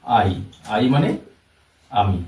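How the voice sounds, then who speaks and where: Male teacher giving a slow, repetitive lesson, recorded from a distance in a reverberant room. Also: lowish voice, expressive, darkish tone. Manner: slow, step-by-step, repeats terms and examples. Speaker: English teacher. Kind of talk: classroom-style lesson explanation. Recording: roomy echo, voice from far off the mic.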